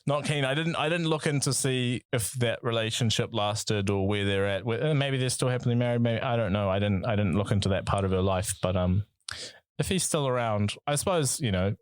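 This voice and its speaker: A man with a New Zealand accent co-hosts a casual music podcast, rambling and swearing with lots of fillers and restarts. His mid-range voice is fairly quick with a clean tone, and the recording is dry.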